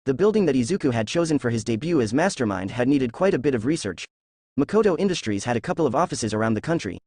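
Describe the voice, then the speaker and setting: A man reading a fan fiction story aloud in a steady storytelling voice. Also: medium pitch, fast talker, breathy edge, no room sound, studio quality. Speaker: narrator.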